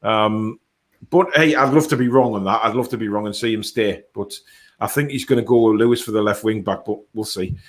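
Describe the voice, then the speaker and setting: Speaking a little fast in a lowish voice, a man hosts a laid-back football fan live stream. He reads viewer comments out loud and gives plain, blunt replies.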